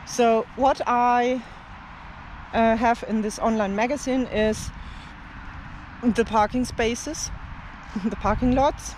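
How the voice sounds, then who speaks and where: Out in an open field, a language teacher and travel vlogger whose first language is German chats to camera at an unhurried pace. The medium-pitched voice keeps a fairly even intonation and wanders, peppered with fillers and light laughter. The recording is low quality, with slight background noise.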